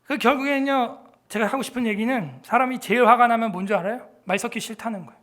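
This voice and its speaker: A man in his forties preaching a sermon in a church sanctuary, in a chatty, joking way that swings from muttering to loud exclamations. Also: very high voice, fast talker. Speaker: pastor.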